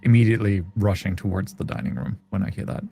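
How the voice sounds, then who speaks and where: A man's voice: on the low side, fairly even intonation, fast, creaky, husky. A man playing a tabletop horror game, rambling with lots of fillers as he describes his character's actions. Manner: rambling, filler-heavy, bursts of shouting in character. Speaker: player. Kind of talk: tabletop role-play, in character.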